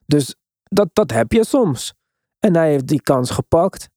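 A man's voice: on the high side, animated, a little slow, mellow, no room sound, studio quality. A man in a casual, emphatic sports discussion, mixing in English slang as he hosts. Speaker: podcast host.

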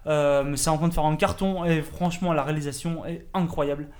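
A man's voice: on the high side, steady tone, a little fast, a little mellow. A man co-hosting a casual roundtable podcast, rambling along with lots of fillers and restarts. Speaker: podcast co-host.

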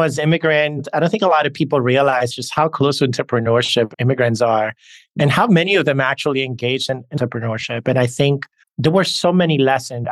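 This is a mid-range male voice with no echo, belonging to a podcast guest from the Dominican Republic. In a conversational interview, he reflects earnestly on his life through personal anecdotes.

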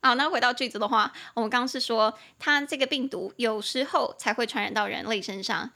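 Chatty, slightly high-voiced Taiwanese woman teacher. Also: vocal fry, bright, forceful tone. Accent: Taiwanese Mandarin. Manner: chatty, spells words out slowly, drifts into asides and laughs. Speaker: podcast English teacher. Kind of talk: casual spoken English lesson.

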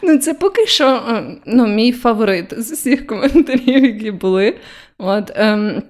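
A woman's voice: fairly high pitch, lively intonation, normal speed, a little mellow. A young woman with a Ukrainian accent co-hosting a casual podcast, teasing and laughing, with hesitant fillers. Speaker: podcast co-host. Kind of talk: casual chat.

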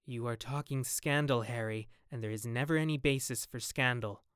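A man playing a troubled young gentleman who speaks in a melancholy, anxious way. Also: medium pitch, moderate pace, clean tone, no echo, studio quality, natural voice. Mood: guarded.

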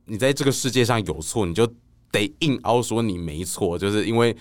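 A man, a guest writer telling stories on a podcast in a loose, animated way, swearing and laughing freely. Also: on the low side, brisk. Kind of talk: casual podcast storytelling.

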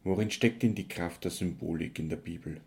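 Brief: male radio host, very low and husky, measured presenting and interviewing. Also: a little mellow.

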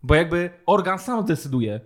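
Male podcast co-host, slightly raised pitch, indignant and emphatic, casual street-level talk. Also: big pitch swings, normal speed. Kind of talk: heated casual podcast discussion.

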